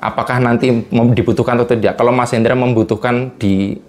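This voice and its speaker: A man's voice: mid-range voice, steady tone, brisk, darkish tone. A man in a casual interview, explaining with everyday examples and chuckling often. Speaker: guest speaker on vibration and energy.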